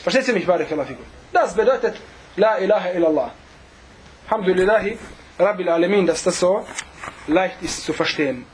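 High-voiced man teaching a religious lesson. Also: expressive, slight background noise. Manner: explains repeatedly, asks the class rhetorical questions; recites Arabic passages rapidly.

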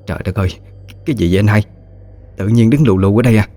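A man's voice: on the low side, fast, dark tone, natural voice. A man doing a bold middle-aged woman. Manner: startled then brushing off.

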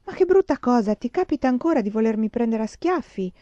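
A woman voicing a gentle, pious blind young woman who speaks softly and thoughtfully, on a slightly dull recording. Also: fairly high pitch, lively intonation, fast talker, no echo, voice pushed up, natural voice.

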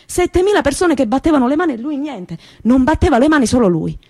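A young Calabrian woman recounts her past in a vivid, colloquial, repetitive stage monologue. Her voice sits somewhat high. The recording is close and dry. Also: fast talker, no echo. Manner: lively storytelling, repetitive and colloquial. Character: young woman from Reggio recalling her youth. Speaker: actress. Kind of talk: theatrical monologue for radio.

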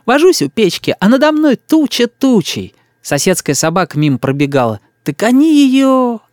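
A man's voice: very high voice, big pitch swings, moderate pace, darkish tone, no echo, studio quality, voice pushed up. A man voicing a kind old village woman who fusses in sing-song folksy speech. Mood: homely.

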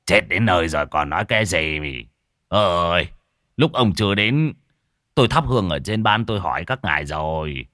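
A bossy old village sorcerer, put on by a storytelling man, barking orders in a raised, pitched-up voice. He is brusque and impatient and swings his voice up and down. The voice is dry and close to the mic. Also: animated, normal speed, a bit bright, dry recording. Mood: scolding.

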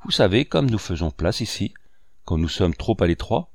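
A man reading a mild, gentle painter. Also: low-pitched, sing-song, moderate pace, gravelly, no echo, studio quality, heavily acted. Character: gentle, surprised older painter.

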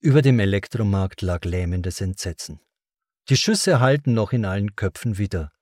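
Low, husky male audiobook narrator. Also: lively intonation, normal speed, a little mellow, no room sound, studio quality. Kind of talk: scripted narration.

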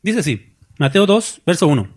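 A man preaching a sermon as pastor, lively, asking the congregation questions and acting out voices. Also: on the high side, moderate pace, husky.

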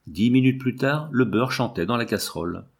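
A man reading a novel aloud as an audiobook, with measured, literary narration. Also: mid-range voice, husky.

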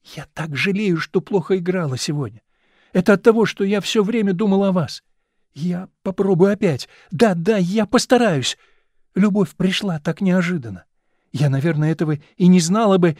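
A man's voice: sits high, a little mellow, no echo, studio quality, voice pushed up, lightly acted. A man reading as a young actress in love. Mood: pleading. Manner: earnest, declamatory reading.

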